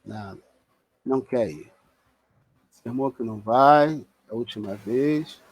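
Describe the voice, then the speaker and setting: A man's voice: mid-range voice, slow pace, breathy edge. A man with a Brazilian Portuguese accent giving an online spiritist lecture in a conversational, explanatory way, with restarts and tag questions.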